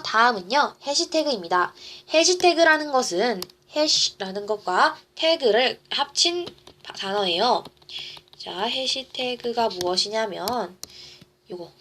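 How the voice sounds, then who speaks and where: A woman's voice: a little high, pushed and bright. A teenage girl tutoring in a casual online lesson, explaining step by step, repeating key phrases and asking the viewer questions. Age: teens. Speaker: student tutor.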